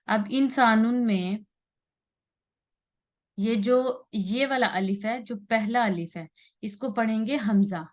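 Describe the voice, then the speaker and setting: A woman teaches Quran recitation rules in a slow tajweed lesson at a whiteboard, speaking in a mid-range voice. She explains patiently, repeats herself and stretches out vowel sounds to show their length. She often checks in with her listeners by saying "theek hai."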